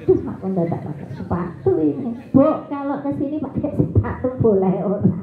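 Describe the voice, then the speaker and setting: A woman's voice: a little high, lively intonation, normal speed, vocal fry. A woman, a children's storyteller playfully leading a school assembly. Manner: playful, coaxing, chants with the audience. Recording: echoey lo-fi hall sound with crowd.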